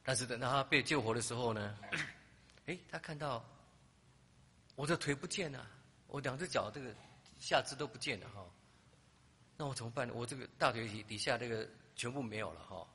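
A man's voice: medium pitch, brisk, pauses often, bright, forceful tone, long reverb tail, slight background noise. A man preaching a sermon, telling a story and often ending his phrases with a tag word "ha". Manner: frequent "ha" tag at ends of phrases; retells scenes with acted-out quotes.

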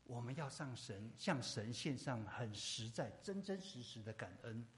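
A male pastor preaching a sermon with emphatic repetition, swinging from loud to hushed. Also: mid-range voice, lively intonation, a little slow, big-room sound, slight background noise.

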